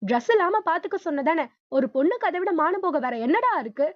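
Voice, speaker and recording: A woman's voice: very high-pitched, sing-song, fairly quick, no room sound. A woman reading the part of a naive young woman who lashes out in hurt anger, on a dull lo-fi recording. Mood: angry. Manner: hurt, defiant outbursts. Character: young woman, naive but now fiercely angry.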